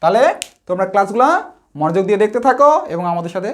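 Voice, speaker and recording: A woman's voice: medium pitch, rapid-fire. A woman teacher giving a phonics lesson, patiently spelling out letters and asking her pupils questions.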